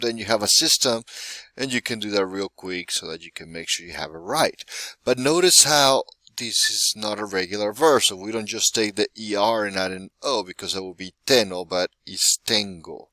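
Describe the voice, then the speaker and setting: A man's voice: lowish voice, bright, forceful tone, no echo. A man in his forties teaching a Spanish lesson, patient and often checking in with "right?". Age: 40s. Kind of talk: recorded classroom lesson.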